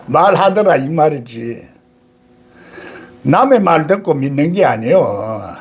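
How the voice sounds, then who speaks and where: An older pastor delivers a sermon in a high, sing-song voice. His pitch leaps around constantly, and he breaks into sudden loud outbursts and laughter. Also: sing-song, slow pace.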